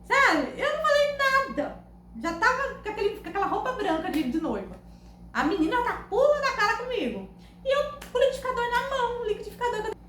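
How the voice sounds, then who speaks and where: A woman with a Brazilian Portuguese accent, telling funny stories to her camera in a loud, animated, laughing way. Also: very high voice, a little fast. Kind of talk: casual storytelling to camera. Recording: echoey room, faint background noise.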